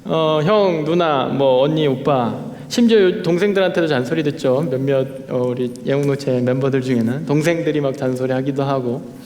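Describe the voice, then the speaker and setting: A man's voice: mid-range voice, normal speed, a little mellow. A man in his late thirties, a youth pastor, giving a chatty, self-deprecating sermon full of fillers and restarts. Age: late 30s. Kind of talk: conversational sermon. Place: church sanctuary. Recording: long hall reverb.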